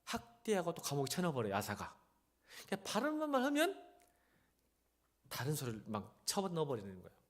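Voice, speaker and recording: Reading from the Bible in a church sermon, a male senior pastor talks a little high and a little fast, pausing often, his very animated voice ranging widely. He addresses the congregation conversationally, spurring them on and asking rhetorical questions.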